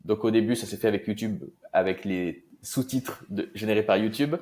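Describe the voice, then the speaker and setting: Low-voiced young man from Marseille. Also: normal speed, darkish tone. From Marseille, France. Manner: loose and hesitant, many fillers and restarts. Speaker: guest investor. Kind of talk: casual interview talk.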